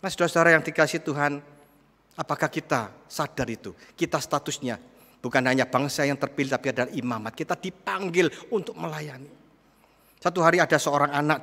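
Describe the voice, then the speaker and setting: A man preaching a sermon in a church, animated, firing rhetorical questions at the congregation. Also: on the high side. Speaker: pastor. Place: church sanctuary. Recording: reverberant church hall.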